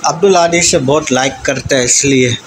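A man's voice: mid-range voice, normal speed, a little hiss or hum, rough recording. A man in his thirties narrating a casual family vlog from a restaurant and cafe, chatting to viewers and coaxing a child along. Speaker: vlogger. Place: restaurant and themed cafe, partly outdoors.

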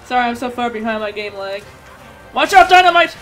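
A woman's voice: fairly high pitch, animated, a little fast, a bit bright, faint music behind, low-quality recording. A woman co-hosting a let's play, chatting casually and laughing along as she plays. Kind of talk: casual gameplay chat.

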